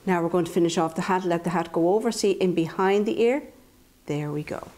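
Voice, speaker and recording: A woman's voice: fairly low pitch, brisk, darkish tone. A woman presenting a step-by-step drawing tutorial for children, talking to them directly in a playful, encouraging way. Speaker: children's drawing instructor and host.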